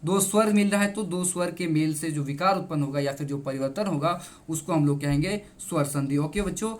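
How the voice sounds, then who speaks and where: A man, speaking in a fairly high voice, goes through exam answers one by one. He is emphatic and reassuring. He stops often to repeat the right answer to his students. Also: fairly quick. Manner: repeats each answer, keeps addressing the students. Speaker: teacher. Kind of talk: exam answer-key explanation.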